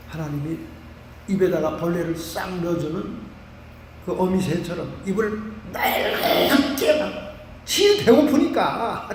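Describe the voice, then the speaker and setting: High-voiced Korean pastor preaching in hall. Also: male voice, a little hiss or hum. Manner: animated preaching with vivid everyday examples. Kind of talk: sermon. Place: church sanctuary. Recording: roomy church hall from a distance.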